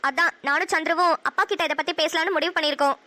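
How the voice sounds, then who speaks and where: A woman's voice: very high-pitched, fairly even intonation, fast, pushed and bright, pitched below the performer's own voice. A woman voicing a teasing, caring young woman in a cartoon series.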